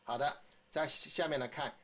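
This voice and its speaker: A man teaching English phonics in Mandarin, drilling each word slowly and ending phrases with a soft "ha". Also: medium pitch, fairly even intonation. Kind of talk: recorded phonics lesson.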